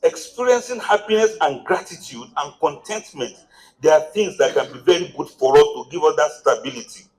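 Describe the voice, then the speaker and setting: A Nigerian man with a fairly high voice gives a motivational marriage seminar. He preaches in a run of rhetorical questions and climbs into animated, exclaiming stretches. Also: a little fast, poor audio.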